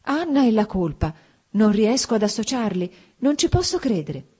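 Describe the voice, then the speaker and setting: Woman reading a frantic wife begging for answers, voice pushed higher, husky edge, audiobook. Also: sing-song, moderate pace, mellow. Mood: desperate. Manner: pleading, urgent, emphatic. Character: distressed loyal married woman, pleading.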